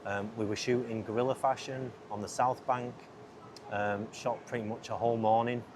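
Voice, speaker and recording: The voice is medium in pitch, level in tone, and moderately paced. He hosts a podcast and makes films, and here he chats outdoors on a busy city riverside in a rambling, distractible way, often interrupting himself. Heavy background noise comes through the lapel mic.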